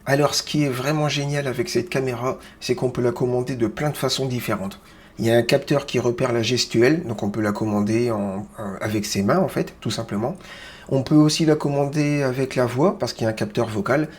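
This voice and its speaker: A man hosting a casual home product demo of a webcam, chatty and excited, with lots of fillers and restarts. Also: mid-range voice, brisk. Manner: enthusiastic, keeps repeating how great it is. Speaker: tech video host. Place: small room at home with grow tents.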